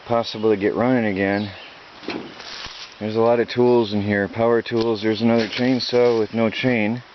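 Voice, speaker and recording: A man talking casually as he rambles through a vlog outdoors in the countryside, by a creek. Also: mid-range voice. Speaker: vlogger. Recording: dull lo-fi outdoor audio, loud creek and nature noise. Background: running creek water, insects.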